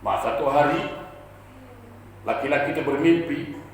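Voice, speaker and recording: A man preaching a storytelling sermon, lively, with joking asides and rhetorical questions to the crowd. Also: on the high side, moderate pace, a little hiss or hum. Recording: echoey hall, distant mic, faint ambience.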